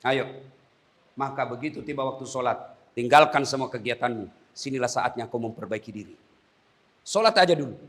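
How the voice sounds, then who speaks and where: A man preaching a humorous sermon to inmates in an animated, emphatic style. His voice is bright and forceful and sits slightly high, and he talks to his listeners directly and bluntly. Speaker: Islamic preacher.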